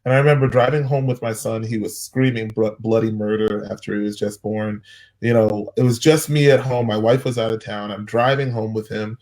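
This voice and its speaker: Earnest man, 30s, pastor; low-pitched, halting storyteller. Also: steady tone, darkish tone. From United States. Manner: earnest, halting, with many restarts. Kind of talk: personal storytelling in conversation.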